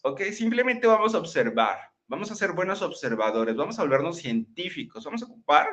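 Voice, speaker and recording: A man's voice: fairly high pitch, fairly bright tone. A man giving a chatty live-streamed motivational talk, often checking in with his listeners. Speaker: motivational speaker. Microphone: laptop microphone.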